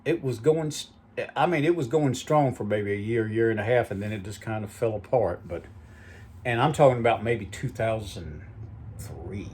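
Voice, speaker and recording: A man's voice: lowish voice, moderate pace, darkish tone, slight background noise. A man hosting his own channel, telling rambling, nostalgic stories with lots of asides. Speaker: channel host. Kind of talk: rambling reminiscing monologue.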